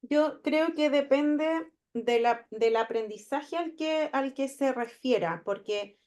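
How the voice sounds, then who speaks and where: A woman's voice: high voice, takes it slowly, a little mellow. A woman student sharing a personal example in class, hesitant and often restarting her sentences.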